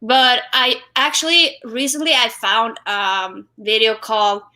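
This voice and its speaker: A young adult woman from Sweden with a Swedish accent, a drummer talking in a casual live-stream interview, halting, with many fillers and restarts. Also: a little high, steady tone, bright, forceful tone. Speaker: guest drummer. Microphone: wireless headphones.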